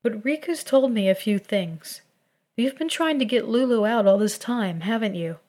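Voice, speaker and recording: A woman voicing a brash, warm-hearted young man who talks in loud, eager bursts. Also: a little high, normal speed, close to an everyday voice.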